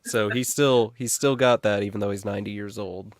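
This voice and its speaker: Casting note: male podcast host, lowish pitch, dry close sound, easygoing and jokey. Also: brisk, no room sound. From South Dakota. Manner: relaxed, joking, drops to quiet asides. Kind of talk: casual chat.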